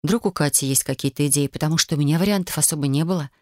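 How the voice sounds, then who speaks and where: A woman with a lowish voice narrating a first-person audiobook. She reads in a measured, even manner. The close studio recording is dry, with no room sound. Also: no echo.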